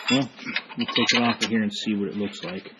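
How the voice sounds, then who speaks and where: A man's voice: lowish voice, brisk, heavy background noise. A man hosting casual shop talk, explaining repair work to viewers as he goes, out of breath. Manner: relaxed, explains work to viewers while doing it. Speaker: host. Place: workshop.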